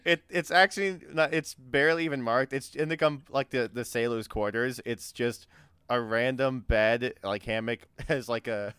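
Male game master: informal, amused, halting improviser with a clean voice and dry recording. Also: mid-range voice, fairly bright tone, clear, resonant tone, no echo. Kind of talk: improvised tabletop game narration.

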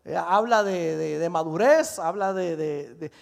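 A man, a pastor preaching an animated, humorous sermon. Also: on the high side, a little slow, creaky.

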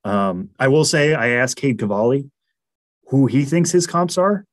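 A man's voice: mid-range voice, expressive, unhurried, dry recording. A man with a Massachusetts accent, analyzing baseball prospects in a casual interview, chatty with lots of fillers and restarts.

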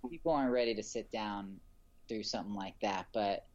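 A man's voice: on the low side, a little fast, darkish tone. Man filmmaker, casual interview chat, rambly, kinda muffled recording. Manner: rambling, many restarts and fillers. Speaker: filmmaker guest.

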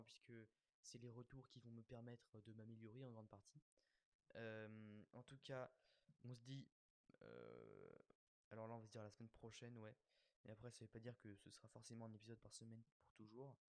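Young man, middle pitch, hesitant delivery, many fillers, self-mocking, dead room sound. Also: moderate pace, no room sound. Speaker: host of an episode-breakdown show. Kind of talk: casual commentary.

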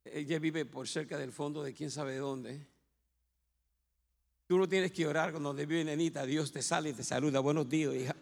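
A man's voice: on the high side, fairly even intonation, moderate pace, creaky. A man with a Puerto Rican accent, a pastor telling his life story as a sermon, with humor and acted quotes. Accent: Puerto Rican Spanish. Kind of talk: testimony sermon. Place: church sanctuary. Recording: long hall reverb.

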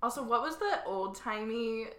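A woman's voice: a little high, lively intonation, moderate pace. A woman co-hosting a casual chat. She talks in an offhand, opinionated way and often trails off mid-thought. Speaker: podcast co-host. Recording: echoey room.

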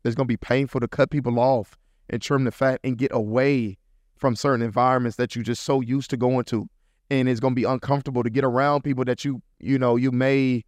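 A man's voice: mid-range voice, dry recording. A man hosting a podcast, giving a casual motivational talk in slangy, repetitive, preachy phrasing, and acting out quotes now and then. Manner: preachy, repeats points, slangy, acts out quotes. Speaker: podcast host.

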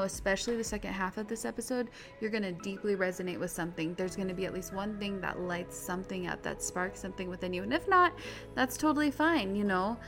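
A woman with a standard American accent, giving a casual, chatty podcast introduction as host, with giggly, self-deprecating asides. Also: medium pitch.

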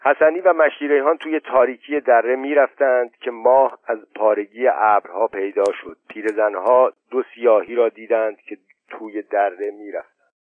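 A man reading an audiobook story in even, measured narration. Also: medium pitch, no room sound. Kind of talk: scripted narration. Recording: thin phone-like sound, dry.

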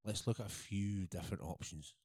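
A man co-hosting a casual chat show, relaxed and wry. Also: fairly low pitch, brisk, breathy edge, no room sound, clean studio sound. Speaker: co-host.

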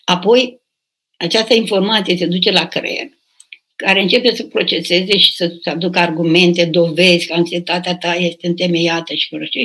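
A woman with a lowish, fairly bright voice that has a breathy edge. She is an older abbess on a live stream, reading viewers' questions aloud and then answering them in an urging, emphatic manner, her voice rising in bursts.

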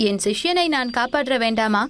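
A woman voicing a tall, stern Buddhist monk in a storybook reading, speaking in a grave, measured way. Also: on the high side, animated, fairly bright tone, clear, resonant tone. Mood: calm.

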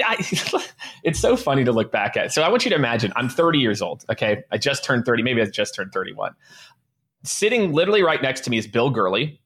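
A man's voice: medium pitch, a bit bright. A man in his late thirties, a guest and sales leader, talking casually and upbeat in an interview with many restarts. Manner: casual and upbeat, heavy use of "you know" and restarts.

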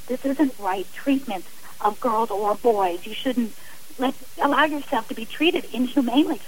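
Her voice sits a little high, and the audio is poor and hissy, typical of a radio interview. She's a middle-aged advocate against domestic violence, appearing as a guest and making long, emphatic, heartfelt appeals in her answers.

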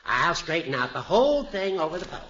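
An actor playing a wily, teasing old judge in 1950s radio comedy, smooth-talking and mock-solemn. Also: male voice, a little high, sing-song, fairly quick, sharp tone. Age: older. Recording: dull, noisy 1950s radio recording.

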